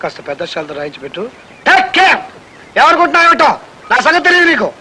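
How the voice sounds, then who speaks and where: An actor playing a blustering, bossy husband who scolds his wife loudly and boastfully, with a Telugu accent. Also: very high-pitched, wildly swooping pitch, full character voice, rough recording. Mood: bullying. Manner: loud, boastful, rapid scolding.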